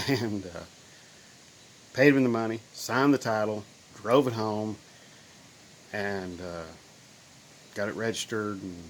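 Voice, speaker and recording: Rough audio with a bit of background noise captures a fiftyish car owner whose voice sits on the low side and sounds slightly nasal from bronchitis. Holding his phone at arm's length in a cluttered garage, he gives a casual walkthrough of his old car, folksy and rambling, full of ums and restarts.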